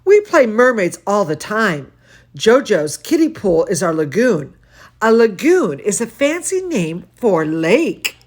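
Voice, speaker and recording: A woman reads as an excitable little girl from a storybook, proud and theatrical. The delivery is unhurried and swoops up and down, with each fancy word carefully explained. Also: medium pitch. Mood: excited, proud. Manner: dramatic, precise, explains fancy words.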